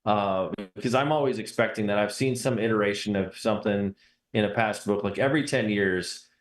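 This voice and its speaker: In an echoing, roomy recording, a guest who works as a book publisher has a casual chat, reflecting as he explains. He speaks fairly quickly, in a lowish voice.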